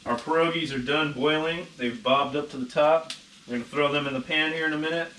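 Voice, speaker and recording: A man's voice: on the high side, fairly even intonation, fairly quick, sharp tone, a little hiss or hum, poor audio. A sarcastic, heavily swearing man hosting a casual cooking vlog, talking as he works in a home kitchen. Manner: foul-mouthed, sarcastic. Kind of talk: casual cooking demonstration, talking while working.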